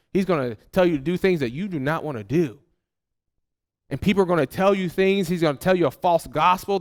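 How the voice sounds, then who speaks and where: Conversational preacher, a man with a high voice. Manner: conversational preaching, speaks straight to the congregation; repeats words when restarting a thought. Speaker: pastor. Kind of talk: sermon.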